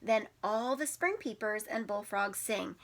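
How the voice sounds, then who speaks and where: In an unhurried mid-range voice with vocal fry, a woman teacher reads a picture book to young children. She explains things plainly, asks them questions, and gives key words expressive emphasis.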